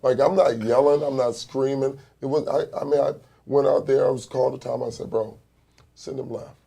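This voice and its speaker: A man, a youth basketball coach, telling stories in casual chat with an animated manner. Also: mid-range voice, a little fast, creaky, slightly rough.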